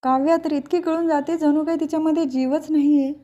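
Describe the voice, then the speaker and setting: High-voiced woman recapping a serial. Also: brisk, highs cut off. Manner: lively retelling that voices the characters' quoted lines. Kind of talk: episode recap storytelling.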